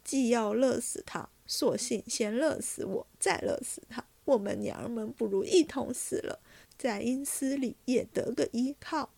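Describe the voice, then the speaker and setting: Storybook voice: a woman doing a sobbing middle-aged mother, high and pleading, dry close sound. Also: slow, vocal fry, dry recording. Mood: tearful pleading. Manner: tearful, pleading.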